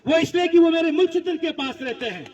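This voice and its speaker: A very high-pitched man talks a little fast over a noisy background, giving a political address to a rally crowd. He relies on emphatic repetition, and the dull, lo-fi recording carries the sounds of the gathering.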